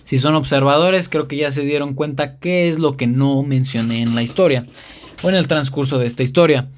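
A man's voice: medium pitch, normal speed, a little hiss or hum. Rambling Mexican man telling a story. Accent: Mexican Spanish. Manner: rambling, slangy, strings events with repeated connecting words. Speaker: podcast host. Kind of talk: casual storytelling.

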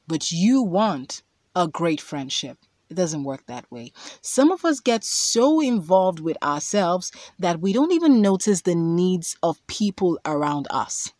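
A woman's voice: on the low side, darkish tone, dry recording, studio quality. A woman hosting a podcast, talking in an emphatic, preachy way that repeats lines for stress. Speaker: podcast host. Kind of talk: motivational podcast talk with ad read.

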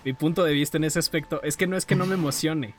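Mexican dude telling a story, lots of slang, kinda high voice. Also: male voice, fast talker. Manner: slangy, tells anecdotes with acted quotes. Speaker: streamer co-host. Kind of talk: casual chat.

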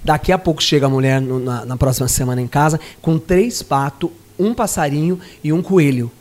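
A man from São chatting casually on a podcast, with a voice that sits slightly high for a man. He is an animated storyteller who acts out the people in his anecdotes and laughs easily. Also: fairly quick.

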